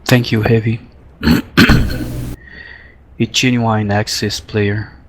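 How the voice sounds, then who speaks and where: A man says a brief farewell over voice chat in a slow, measured way. His voice is low and stays flat and even, with faint noise behind it. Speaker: speaker at an online game memorial.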